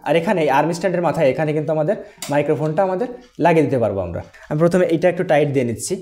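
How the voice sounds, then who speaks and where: Speaking to his viewers directly, a tech reviewer explains his microphone setup and runs a sound test as part of a product review, recorded at an indoor desk on a desk USB dynamic microphone mounted on an arm stand. His voice is a little high with a dark tone, and he races along in an animated way.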